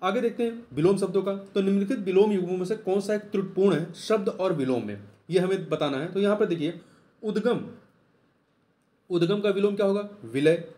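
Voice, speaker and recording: A man teaching exam answers, patiently repeating key words and slowing down to spell them out. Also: high-pitched, dark tone. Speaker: Hindi exam-prep teacher. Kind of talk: explaining test answers.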